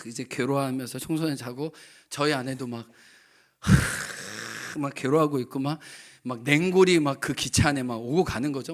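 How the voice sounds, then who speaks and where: A middle-aged male pastor preaching a sermon, telling a personal family story and acting out the quotes of his wife and children. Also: mid-range voice. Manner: animated storytelling, voicing family members' quotes. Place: church sanctuary.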